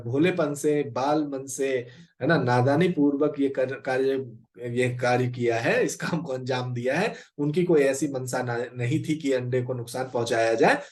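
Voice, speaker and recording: A man's voice: medium pitch, darkish tone. A male teacher explaining a story for a class, with frequent fillers and tag questions. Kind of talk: Hindi lesson explaining a story.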